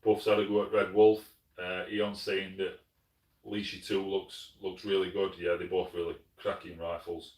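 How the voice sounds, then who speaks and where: A middle-aged man with a Sheffield Yorkshire accent, casually answering live chat as host, relaxed and full of fillers and restarts. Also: low voice, normal speed, recorded from a distance. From Sheffield, England. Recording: roomy, from off the mic.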